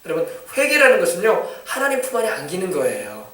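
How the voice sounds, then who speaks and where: High-voiced male pastor, echoey church. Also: wildly swooping pitch, quick pace, fairly bright tone, recorded from a distance. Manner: conversational preaching with acted-out family quotes. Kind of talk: sermon. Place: church sanctuary.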